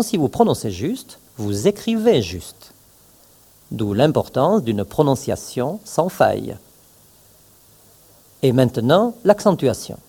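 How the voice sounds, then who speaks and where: Slow, deliberate male pronunciation teacher. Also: medium pitch, dark tone, breathy edge. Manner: slow, deliberate, spelling out syllables and tapping out stress rhythms. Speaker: language teacher. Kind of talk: scripted pronunciation lesson.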